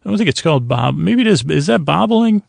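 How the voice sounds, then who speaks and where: A man with a heavily creaky, gravelly voice rambles through a bedtime monologue on his sleep podcast, his tone lulling and soothing. His voice runs on the high side with big pitch swings, and he meanders haltingly, repeating himself and trailing off mid-sentence. The recording is dry and echo-free.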